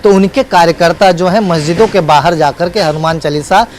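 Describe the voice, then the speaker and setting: Speaking fairly quickly in a high voice, a male news correspondent reports live without a script, leaning on emphatic, repeated phrases and hesitant fillers. There's slight noise in the background.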